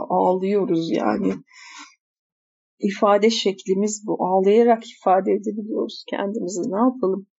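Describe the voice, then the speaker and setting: Lady reading a novel out loud, chats about it in between, kinda dull lo-fi sound. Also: mid-range voice, gravelly, breathy edge. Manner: pauses to comment on the text. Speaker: reader. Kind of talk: reading a novel aloud with asides.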